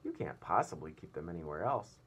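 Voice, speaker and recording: A man's voice: low-pitched, very animated, a little fast, fairly bright tone. A man voicing a curious, polite small boy in a children's storybook, earnest and wondering. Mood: baffled. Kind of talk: children's storybook read-aloud. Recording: clear room noise.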